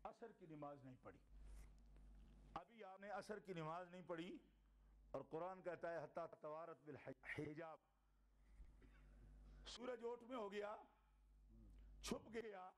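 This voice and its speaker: A man with a high voice preaches to a gathered audience in a fervent, theatrical sermon. He acts out quoted lines, teases his listeners, and climbs to shouts at the peaks. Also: animated, long pauses, a little hiss or hum. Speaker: religious speaker at a Milad gathering. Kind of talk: impassioned Urdu sermon. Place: gathering hall with live audience.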